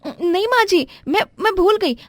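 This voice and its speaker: A woman voicing a scheming young wife who lies and stammers out excuses in a high voice. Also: lively intonation, moderate pace, dry recording. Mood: pleading. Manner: high, pleading, fibbing with stammers.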